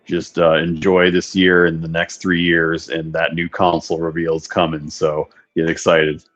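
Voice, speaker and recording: Man co-host heard over glitchy, buzzy call audio. Deep, monotone delivery, dull and lo-fi. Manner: steady, unhurried, with frequent ums. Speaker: livestream co-host. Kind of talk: casual gaming chat.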